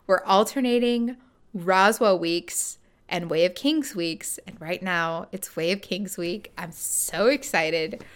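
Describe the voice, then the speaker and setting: A woman co-hosting a book podcast, chatting excitedly and laughing easily with her sister. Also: on the low side, clean tone. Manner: excitable, gushing, quick to laugh. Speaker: podcast co-host. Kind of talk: casual chat.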